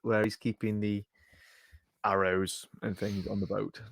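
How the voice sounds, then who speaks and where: A man's voice: lowish voice, level tone, measured pace, vocal fry, slight background noise. A man playing a tabletop game, talking casually with a playful, sarcastic edge. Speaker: player.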